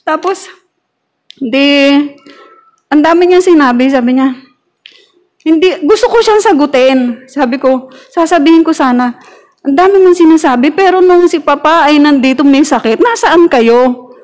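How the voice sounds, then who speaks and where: A woman's voice: sits high, normal speed, long pauses, a little mellow. A middle-aged woman sharing a personal testimony in a church group, chatty and laughing often as she acts out quoted arguments.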